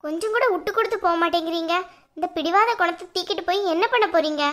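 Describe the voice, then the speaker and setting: A woman voicing a stubborn, sharp-tongued young cartoon sister-in-law, with a Kanyakumari Tamil accent. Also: very high-pitched, quick pace. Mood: scolding. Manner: sarcastic, scolding.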